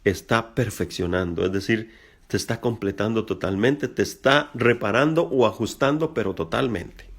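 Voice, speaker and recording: A middle-aged man preaching a sermon earnestly, spelling out words slowly and addressing his listeners directly. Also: fairly low pitch, slightly rough. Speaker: pastor.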